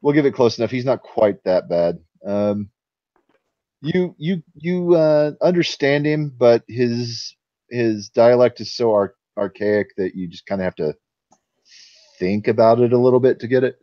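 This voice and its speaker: Running a tabletop game, a game master thinks out loud, his narration relaxed and halting. He speaks in a mid-range voice, with no echo and a dull sound to the audio.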